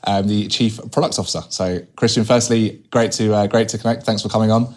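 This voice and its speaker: A man's voice: on the low side, fairly even intonation, a little fast. A man hosting a podcast interview at a trade fair, friendly and stumbling a little as he asks his questions. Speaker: podcast host.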